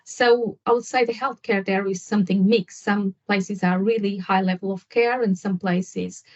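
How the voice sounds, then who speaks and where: A woman's voice: medium pitch, steady tone, normal speed, a little mellow. A woman guest on a nursing podcast whose first language is Portuguese, answering at length with many fillers and restarts. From Angola. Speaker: nurse guest. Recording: slightly dull lo-fi audio.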